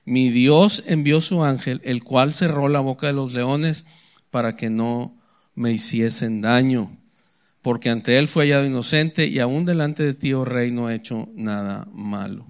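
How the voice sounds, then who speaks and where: A man preaching a sermon in a conversational way, often tagging lines with "¿verdad?" and slowing down to read scripture aloud. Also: mid-range voice, clear, resonant tone. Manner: conversational, frequent "¿verdad?" asides; slows for dramatic scripture quotes.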